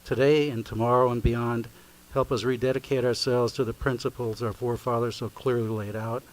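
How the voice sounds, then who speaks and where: A man leading a formal spoken prayer at a county meeting, speaking at a lectern microphone in a solemn, measured, recited way. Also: medium pitch, level tone, poor audio. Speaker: invocation leader at a county meeting.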